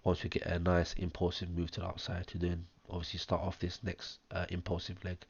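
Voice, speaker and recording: Hoarse low-voiced man talking through charts. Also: monotone, fairly quick, dry recording, highs cut off. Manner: talks step by step through wave counts, many ums. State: hoarse, chesty cough. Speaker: trading analyst. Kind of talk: screen-share chart analysis. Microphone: close mic, audible breathing.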